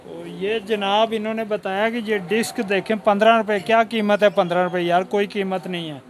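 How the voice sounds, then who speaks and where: Man with a high voice and pakistani urdu accent, chatty market tour vlog, points stuff out to the camera. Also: fairly even intonation, a little fast, slight background noise. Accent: Pakistani Punjabi-inflected Urdu. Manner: casual, points things out and asks prices. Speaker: vlogger. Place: indoor tool shop in a market.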